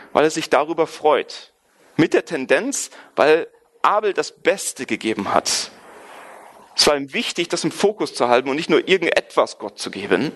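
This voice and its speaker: Young male preacher from Germany, earnest and emphatic sermon delivery, voice sits a bit high. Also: fairly bright tone. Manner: earnest, emphatic, repeats phrases for stress.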